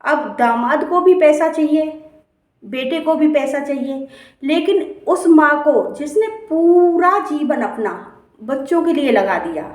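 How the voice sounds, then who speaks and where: A woman's voice: high voice, lively intonation, unhurried. A woman speaking as a devotional speaker, giving an impassioned, earnest moral appeal and repeating phrases for emphasis. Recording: roomy, from a distance.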